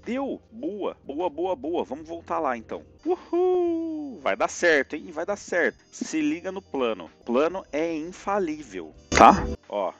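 A Brazilian man streams a platform game live, his slightly high voice swinging up and down as he yelps and groans through every jump. Faint game music plays under his commentary. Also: huge pitch swings, a little slow, vocal fry, hardly any pauses, fairly bright tone, dull audio. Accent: Brazilian Portuguese.

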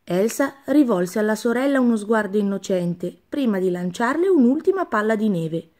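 A woman's voice: medium pitch, lively intonation, normal speed, a little mellow. Woman reading a children's story.

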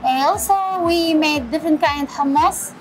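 A middle-aged woman chef with a Syrian accent, answering interview questions in halting English with many pauses, in a small restaurant kitchen. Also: high-pitched, rough recording. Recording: background music.

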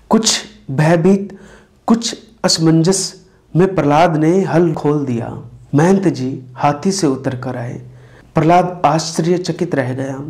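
A man narrates a devotional moral tale at an unhurried, deliberate pace. His voice is mellow and dark in tone, though his pitch sits a little high. He briefly acts out the characters' lines as he goes. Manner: slow, deliberate storytelling with brief acted quotes. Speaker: spiritual storyteller.

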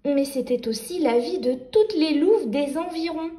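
Woman storyteller for children, unhurried gentle reading, echoey room sound. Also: high voice.

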